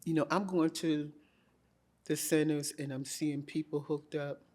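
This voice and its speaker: Animated woman telling her story. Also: sits low, a little slow. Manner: lively, animated, quoting herself with emphasis. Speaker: interview guest. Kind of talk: candid storytelling.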